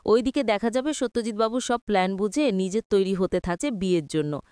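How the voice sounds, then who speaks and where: A woman narrating a storybook retelling of a TV serial in a steady, matter-of-fact way. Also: mid-range voice, a little fast, smooth, dry recording, clean studio sound.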